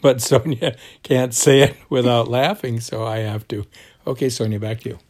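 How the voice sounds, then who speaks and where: A man's voice: mid-range voice, fairly even intonation, moderate pace, a little mellow. A man co-hosting a daily devotional program, talking through scripture in a genial, preaching way. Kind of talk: devotional radio talk.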